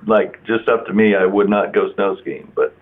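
A man's voice: on the low side, moderate pace, slight background noise. A man in his forties from Florida, talking casually as a guest on a telephone line. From Florida, United States. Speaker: interview guest. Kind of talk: casual chat. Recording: narrow-band telephone line.

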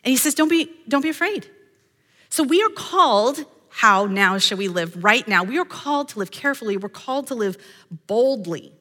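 Bright, earnest woman Bible teacher. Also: on the high side, animated, moderate pace, in a large hall. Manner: earnest and emphatic, quotes imagined voices and reads scripture aloud. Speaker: podcast host and Bible teacher. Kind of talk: devotional teaching to women.

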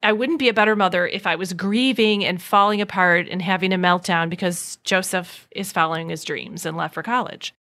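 A woman's voice: on the low side, steady tone, a little fast, few pauses, pushed and bright. A woman in her forties hosting a conversational interview, upbeat and candid, laughing often as she talks. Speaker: podcast host.

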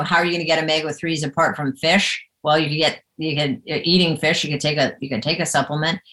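A woman's voice: low-pitched, fairly bright tone. A middle-aged woman physician, talking animatedly in an interview and repeating words as she gets going. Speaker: physician guest. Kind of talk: conversational interview.

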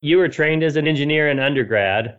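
A man's voice: a little high, brisk, a bit bright, smooth, lo-fi sound. A man hosting a podcast, reading a polished introduction and then asking interview questions in an upbeat way. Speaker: podcast host.

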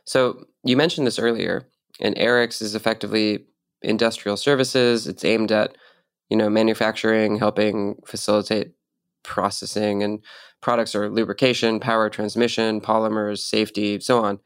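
Gravelly low-voiced podcast host. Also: male voice, level tone, moderate pace. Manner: friendly, curious questioning. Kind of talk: podcast interview.

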